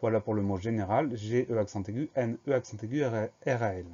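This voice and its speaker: A man's voice: on the low side, fairly quick, dark tone, lo-fi sound. A man teaching a spelling dictation lesson, patiently spelling each word out letter by letter.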